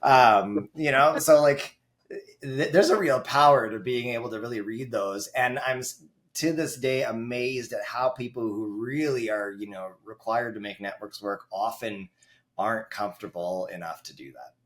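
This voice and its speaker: A Canadian man, a guest on a podcast, chatting casually and telling animated stories about network work. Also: medium pitch, normal speed. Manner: animated storyteller who acts out quoted voices. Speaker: guest, wireless network engineer.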